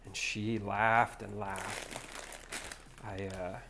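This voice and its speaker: A man's voice: lowish voice, level tone, drawn-out words, background noise. A man from North Carolina hosting a livestream, chatting casually and rambling in a laid-back way as he builds. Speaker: livestream host. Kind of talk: casual chat while building.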